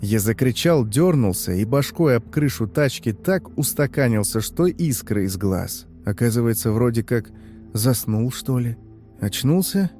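Mellow-voiced man narrating a horror story. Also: mid-range voice. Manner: conversational, confiding to listeners. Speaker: storyteller playing a taxi driver.

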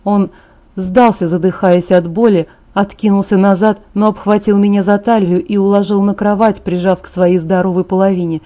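A woman reads a novel aloud in the first person with a soft, mellow voice. She keeps a calm, even, unhurried pace as she tells the story. Her pitch sits in an ordinary middle range. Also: dull audio. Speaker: audiobook narrator.

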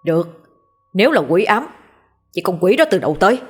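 A woman voicing a hot-tempered young village man who shouts threats in quick bursts. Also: mid-range voice, big pitch swings, husky. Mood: furious.

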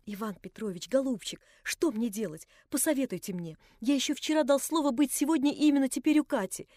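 A woman voicing an excitable, remorseful young nobleman who pleads and gushes breathlessly. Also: high-pitched, a little fast, no echo, clean studio sound, pitched above the performer's own voice, close to an everyday voice. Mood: pleading.

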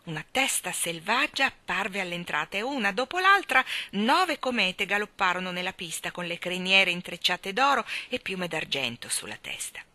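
A woman reading a children's novel aloud, expressive and shifting between character voices. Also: mid-range voice, normal speed, hardly any pauses, no echo. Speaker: audiobook reader. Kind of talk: storybook reading.

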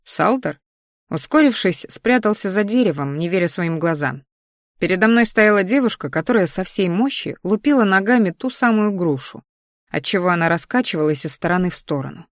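A woman narrating a first-person fantasy audiobook in a steady, measured reading voice. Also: fairly low pitch, no echo, clean studio sound.

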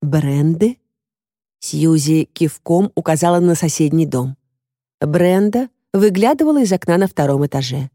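A woman narrating an audiobook in a measured storytelling manner, close to the mic. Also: on the low side, lively intonation, warm tone, no echo.

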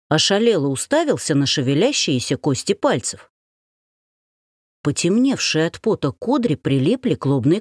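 A woman narrating a first-person story aloud as an audiobook, with expressive delivery. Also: low voice, slightly rough, no echo, studio quality.

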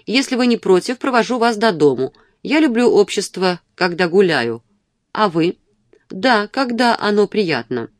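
A woman's voice: mid-range voice, sing-song, normal speed, no echo, clean studio sound, lightly acted. A woman voicing a coquettish, spiteful young woman who teases and mocks in a sing-song way, read from a novel. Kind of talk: audiobook character reading.

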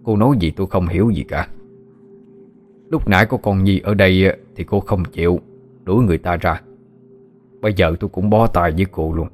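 A man voicing a gentle male Buddhist master who speaks softly and steadily. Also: low voice, fairly quick, long pauses, a little hiss or hum, natural voice. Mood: calm.

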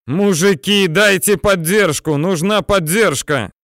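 A man doing a desperate shouting soldier. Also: high voice, slow pace, no echo, studio quality, pitched above the performer's own voice, heavily acted. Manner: shouting, pleading and threatening. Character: desperate young male soldier yelling into a tank.

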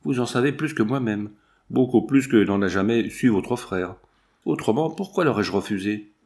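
A proud young English lady with a sharp tongue speaks in a cool, ironic, measured way, as a man reads her part. This is a storybook reading with a mid-pitched voice. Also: expressive, lightly acted.

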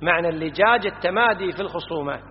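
A man's voice: sits high, expressive, fast, slight background noise. A man giving a classroom lecture on classical grammar, explaining word forms and quizzing his students. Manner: explanatory, quizzing students, stresses vowel patterns. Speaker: Arabic grammar teacher. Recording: dull lo-fi audio with long hall reverb.

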